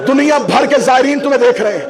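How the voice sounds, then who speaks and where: A man delivering an impassioned sermon, wailing and rising to shouts, at a large mourning gathering. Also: very high-pitched, animated, quick pace. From Pakistan. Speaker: Shia cleric delivering a majlis. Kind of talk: emotional sermon recitation. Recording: noisy crowded gathering, live mic.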